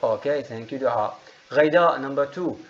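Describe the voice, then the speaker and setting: In an online classroom session, a man teaches English, mixing Arabic and English as he patiently explains grammar rules and calls on students by name. His mid-range voice moves at a quick pace, and the audio sounds dull.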